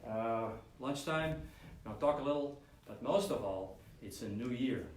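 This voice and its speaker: With lively intonation and a mid-range voice at normal speed, a man hosts his casual weekly model-kit stream in a rambling manner, full of fillers and restarts. He's away from the mic, so the audio is echoey with a slight room hum.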